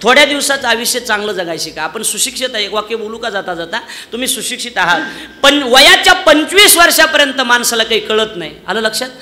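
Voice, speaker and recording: A man preaching a comic devotional sermon on stage, loudly acting out the voices of villagers in his stories. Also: extremely high pitch, fast. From Maharashtra, India. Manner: loud, animated storytelling, acting out villagers' voices. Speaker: kirtan preacher.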